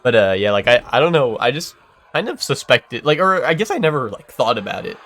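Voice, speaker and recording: Congested from a cold, this young gamer chats casually on stream in a sing-song, fairly bright voice of medium pitch. His pace runs a little fast, and his rambling talk is full of fillers, false starts and offhand cursing.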